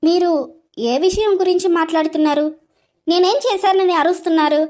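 A woman voicing a bold, clever young woman in an animated storybook, talking back with defiance and sarcasm. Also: very high-pitched, fairly quick. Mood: defiant. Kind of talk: storybook voice acting.

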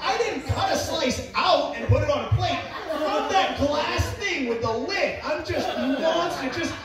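A man's voice: very high voice, expressive, a little slow. A man doing a stand-up comedy set, chatty and self-mocking, laughing at his own jokes. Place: comedy club stage. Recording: roomy club from far off, crowd laughing.

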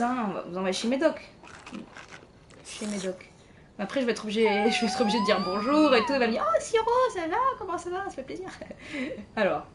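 A woman's voice: a little high, slight background noise. A woman streaming a game late at night at home, chatting loosely with her viewers and chuckling as she reads their messages. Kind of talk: casual live-stream chat.

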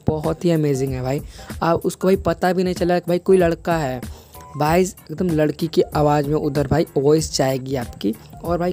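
A man's voice: a little high, mellow. A young man giving a casual app tutorial voice-over, repeating himself and addressing the listener as a buddy. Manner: repetitive, peppers sentences with "bhai". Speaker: tech video host. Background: background music.

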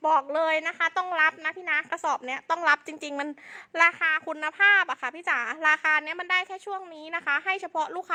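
Female live seller. Piercingly high and sharp, fast hype delivery with insistent, repeated sales lines. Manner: insistent, repetitive sales patter. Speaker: live-stream clothing seller.

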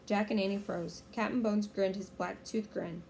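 A woman reading a children's chapter book aloud in a clear, steady storytelling manner. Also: mid-range voice, moderate pace, slight background noise.

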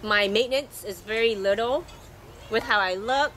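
Middle-aged woman, sailing vlogger, scratchy voice, higher register, easygoing and rambling. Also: normal speed, a bit bright. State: scratchy, recovering from losing her voice. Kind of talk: casual unscripted monologue to camera.

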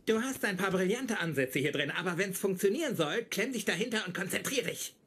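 A blunt scientist colleague. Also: male voice, high-pitched, lively intonation, fairly quick, a bit bright, slight background noise. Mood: brusque. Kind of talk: dubbed sitcom acting.

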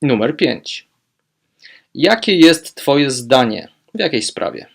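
A man teaching language, speaking German phrases slowly and clearly, then explaining them with quick asides. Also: mid-range voice, sing-song. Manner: slow, modelling German phrases deliberately, quick asides in Polish.

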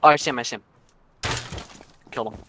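Fast-talking gamer man, very noisy audio. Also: mid-range voice. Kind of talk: rapid gaming callouts. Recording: very noisy game chat with clicks.

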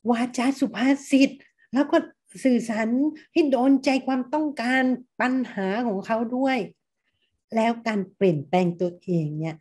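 A woman's voice: medium pitch, a little mellow. A middle-aged woman giving a university lecture, who asks her students questions and acts out different tones of voice as examples.

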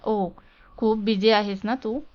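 A woman reading the part of a wronged, angry young woman in a storybook tale, accusing and indignant, with a smooth voice on a dull lo-fi recording. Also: mid-range voice, fairly even intonation, slow, natural voice.

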